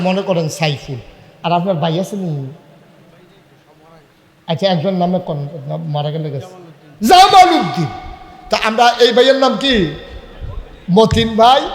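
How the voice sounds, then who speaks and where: A man preaching a sermon, loud and emphatic, shouting out to the crowd and drawing answers back from them. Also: high voice. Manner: calls and answers with the audience. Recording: echoey hall with long reverb.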